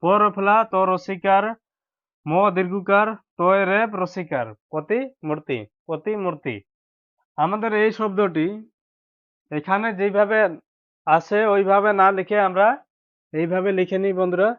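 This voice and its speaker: A man's voice: high-pitched, steady tone, a little slow, pauses often. A man teaching a spelling lesson, spelling words letter by letter and repeating each one, addressing his viewers as friends. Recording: tinny phone-like sound.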